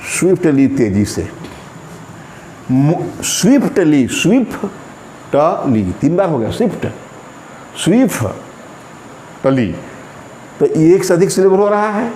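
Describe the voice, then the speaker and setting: A man teaching an English grammar lesson in Hindi, speaking slowly and repeating words while he writes them out. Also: fairly high pitch, dark tone. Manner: slow, drawn-out, repeats words while writing on a board. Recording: echoey room, faint background noise.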